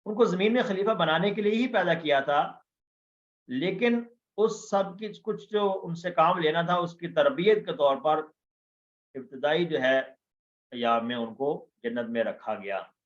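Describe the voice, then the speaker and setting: A man teaching a lesson, explaining word forms patiently and repeating each one slowly, with frequent hesitations. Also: a little high. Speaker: Quranic Arabic teacher. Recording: dull lo-fi recording.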